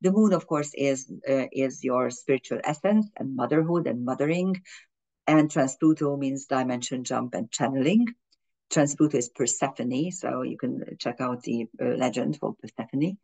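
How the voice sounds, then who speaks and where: A Hungarian woman astrologer, whose first languages are Hungarian and German, explains an astrology chart in a video. Her very deep, dark voice moves at a moderate pace, and she fumbles with frequent restarts and fillers. The recording is rough.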